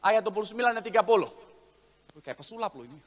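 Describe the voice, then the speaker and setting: A male pastor preaching an animated sermon in a church, joking with the congregation and acting out the voices of people in his stories. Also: high voice, fast. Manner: jokes with the congregation. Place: church sanctuary. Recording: long church hall reverb.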